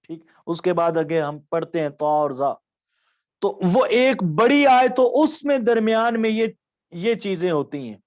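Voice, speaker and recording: A man from Pakistan with a fairly high voice teaches Quranic recitation in an online lecture. He explains patiently, going over each rule again with simple examples. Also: big pitch swings. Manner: patient, repeats key points and examples.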